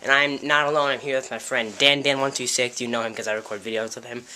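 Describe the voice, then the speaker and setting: A teenage boy vlogging in a fast, rambling, excitable way about a day out with friends. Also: mid-range voice. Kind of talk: casual vlog talk. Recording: music and crowd noise behind.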